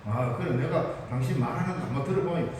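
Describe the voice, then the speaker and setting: A pastor doing a blunt Gyeongsang bystander. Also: male voice, medium pitch, fast talker, darkish tone, slight background noise, pitched below the performer's own voice, natural voice. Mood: accusing. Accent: Gyeongsang Korean. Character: blunt male bystander questioning Peter. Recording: echoey church hall from far off.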